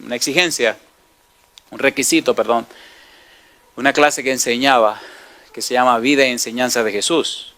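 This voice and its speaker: A middle-aged man preaching a sermon as pastor, telling anecdotes, acting out dialogue and firing rhetorical questions at the congregation. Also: mid-range voice. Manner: animated storyteller, acts out dialogue, asks rhetorical questions.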